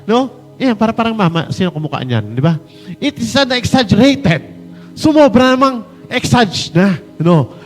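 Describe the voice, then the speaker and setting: Lively Filipino preacher in a hall. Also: male voice, high-pitched, moderate pace, soft background music. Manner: animated, mixes Tagalog with English, acts out quoted voices. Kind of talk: sermon. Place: church hall.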